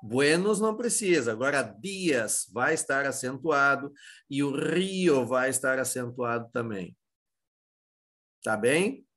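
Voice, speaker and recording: A man with a Brazilian Portuguese accent teaching an exam-prep Spanish lesson, who asks and answers his own questions in an informal, halting way. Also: mid-range voice, animated, a bit bright. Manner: many fillers and restarts, informal.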